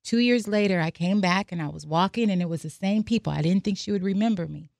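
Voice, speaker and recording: Gravelly-voiced American woman telling stories. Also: medium pitch, quick pace, darkish tone, no echo, clean studio sound. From United States. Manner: reflective personal storytelling, reading from a journal. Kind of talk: casual podcast discussion.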